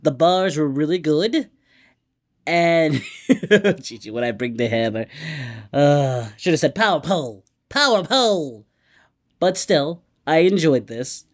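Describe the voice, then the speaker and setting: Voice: mid-range voice, lively intonation, slow pace. A performer voicing Goku as an upbeat cartoon hero who gives casual, approving reaction commentary and often stumbles over repeated words. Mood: pleased. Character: Goku, cheerful cartoon martial-arts hero reacting to music. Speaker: reaction video host. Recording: music playing behind.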